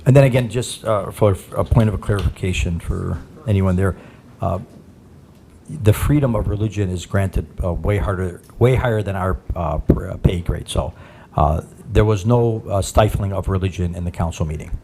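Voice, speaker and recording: Man, low gravelly voice, hesitant and measured, chairing council meeting, faint noise. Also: warm tone. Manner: hesitant, many "uh" fillers, measured.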